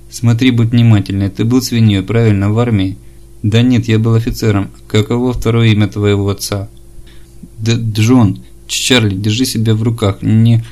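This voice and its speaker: A man reading an audiobook chapter, voicing every part in the same measured, level delivery. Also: on the low side, a little mellow. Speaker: audiobook narrator.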